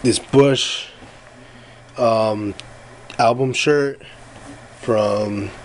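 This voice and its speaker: A man's voice: medium pitch, extremely slow, rough recording. A man with an everyday mid-range voice talks through his flea market haul in a loose, rambling vlog style, stopping for fillers and correcting himself as he goes. He films the items up close on a home camera mic, and a faint hiss sits under his voice. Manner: relaxed, rambling, many fillers and self-corrections. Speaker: flea market reseller showing finds.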